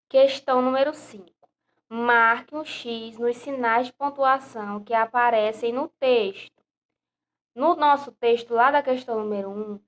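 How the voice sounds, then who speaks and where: Woman, Brazilian accent, schoolteacher, slow patient explaining, fairly high voice. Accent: Brazilian Portuguese. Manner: patient, explains step by step, repeats questions. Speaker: primary school teacher. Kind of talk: recorded remote lesson.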